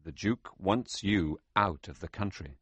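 A man voicing a cold, calm henchman who speaks softly and in a measured way. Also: low-pitched, breathy edge, no echo, heavily acted. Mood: coaxing. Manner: soft-spoken, measured.

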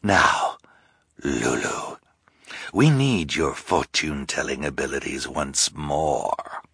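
A man's voice: extremely low pitch, expressive, slow pace, gravelly, a bit bright, slightly rough, no echo, studio quality, full character voice. A man voicing a scheming, boastful male villain with a sardonic, commanding manner in an audiobook. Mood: impatient.

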